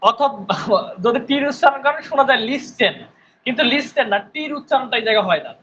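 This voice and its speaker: A man's voice: extremely high pitch, expressive, very fast, a bit bright, lo-fi sound, slight background noise. A male English teacher giving an online spoken English class, patiently repeating words and often checking in with his students.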